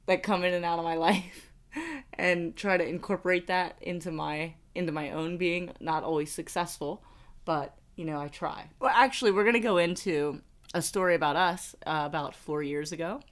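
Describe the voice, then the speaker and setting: A woman in her thirties with an American accent co-hosts a casual personal finance podcast, telling stories in a chatty way. Her voice sits on the low side and she speaks at a moderate pace.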